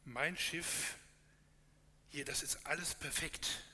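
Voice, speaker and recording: A man's voice: on the high side, steady tone, takes it slowly, sharp tone, breathy edge, heavily acted. A man voicing Pride, a haughty male spirit who refuses help to protect his perfect ship in a told parable. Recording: echoey hall with faint hum.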